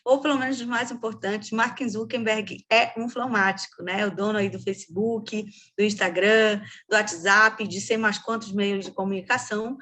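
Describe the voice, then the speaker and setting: A woman's voice: medium pitch, fairly bright tone. A woman coach giving a casual, joking lecture, often checking in with her audience. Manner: joking, chatty, frequent "né, gente". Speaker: temperament coach.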